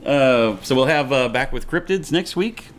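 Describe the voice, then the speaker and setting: Man, mid pitch, very lively intonation, joking casual chat, faint noise. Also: moderate pace. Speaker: co-host.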